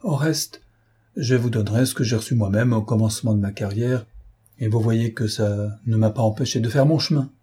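A man's voice: mid-range voice, fairly quick, warm tone, breathy edge. A man reading an audiobook, voicing a pompous, stingy older male scholar who lectures his young assistant. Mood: lecturing. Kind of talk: audiobook character voice.

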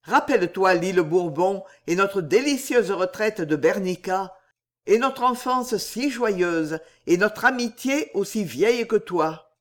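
Man doing an earnest, clumsy English gentleman. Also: high voice, expressive, measured pace. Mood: tender. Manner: earnest, plain-spoken, insistent. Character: earnest, awkward English gentleman, her loyal cousin.

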